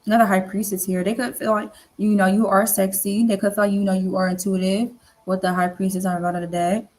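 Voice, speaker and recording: A woman's voice: mid-range voice, flat delivery, quick pace, a little mellow. A woman giving a casual tarot reading, rambling and repeating herself, with lots of fillers and the odd casual swear. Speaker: tarot reader.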